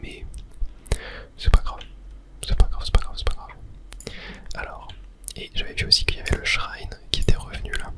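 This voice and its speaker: Close to the microphone, a gaming ASMR creator and host whispers a let's play. They describe their own gameplay in a hushed, leisurely manner.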